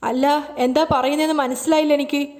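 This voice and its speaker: A woman's voice: high-pitched, fairly even intonation, a little fast, a little mellow, natural voice. A woman voicing an arrogant, scornful mother-in-law who talks down to others. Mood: haughty. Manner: haughty, sneering.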